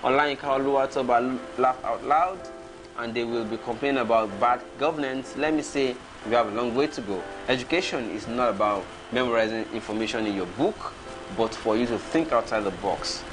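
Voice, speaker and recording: A man's voice: medium pitch, brisk, music in the background. A Nigerian man in his thirties, hosting a casual livestream and reading out viewer comments, chuckling and reacting as he goes. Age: 30s.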